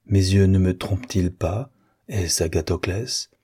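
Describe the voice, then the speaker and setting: A man voicing a faint, grieving young noblewoman in a read-aloud novel, soft and faltering. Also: low voice, unhurried, slightly rough, exaggerated voice.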